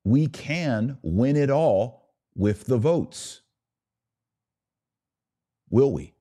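Speaking very slowly in an expressive, dark-toned voice of medium pitch, a male podcast host and political commentator offers an impassioned monologue. He leans on rhetoric and repeats phrases for stress.

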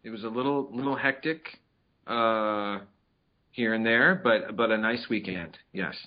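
A man's voice: fairly low pitch, measured pace. A middle-aged man chats casually on a podcast, playful and talkative. He slips into little voices to act out his pets. The sound is slightly dull and lo-fi. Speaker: podcast co-host. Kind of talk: casual chat.

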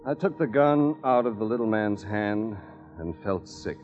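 Male actor as clipped tough private detective narrator, low voice with a lively range, old lo-fi radio sound. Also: moderate pace, natural voice. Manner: clipped, hard-boiled narration, terse. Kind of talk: 1940s radio acting. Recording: dull old radio recording with music.

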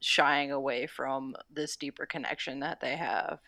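Low-pitched woman, casual recap co-host, enthusiastic and guiding the talk, dry sound. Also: steady tone, a little slow, creaky, pushed and bright, no echo. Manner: enthusiastic, steers the discussion.

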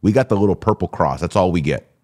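An American podcast host talks fast in a casual, opinionated, joking style, reading out listener comments. His low-pitched voice is mellow, slightly rough and expressive.

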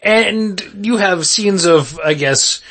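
A man's voice: sits high, slow pace, fairly bright tone. A man hosting a podcast, talking in casual discussion. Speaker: podcast host.

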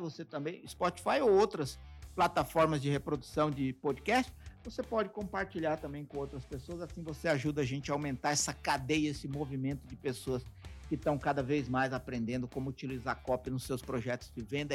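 A man's voice: fairly high pitch, fairly quick, slightly rough, faint music behind. A man with a Brazilian accent, co-hosting a podcast and explaining ideas with acted-out everyday examples in casual talk. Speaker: podcast co-host.

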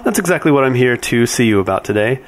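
A man's voice: medium pitch, expressive, fast talker, natural voice. A man playing a polite, evasive adventurer in a tabletop game, hesitant and very courteous. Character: polite, evasive male adventurer seeking temple favors.

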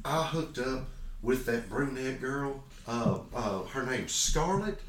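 A crude, folksy frontier cowboy who rambles in a country drawl, voiced by a man at a tabletop game. His pitch swings widely, and the room adds a noticeable echo with faint hiss behind. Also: lively intonation, takes it slowly. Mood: aggrieved. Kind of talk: tabletop role-play. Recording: echoey room with faint noise.

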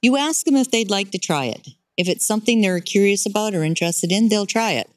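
A woman's voice: medium pitch, animated, brisk, dry recording, studio quality. A woman talking casually about her family syrup business, chatty with many fillers and frequent laughs. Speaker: guest, birch syrup producer. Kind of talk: casual interview talk.

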